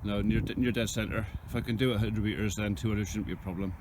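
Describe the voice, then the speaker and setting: A man's voice: lowish voice, fairly even intonation, fast talker. Man filming a noisy outdoor phone video. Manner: plain-spoken, informal, thinking aloud. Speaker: farmer and video host. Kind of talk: casual phone video vlog, explaining as he goes. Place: outdoors on farmland. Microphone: handheld phone.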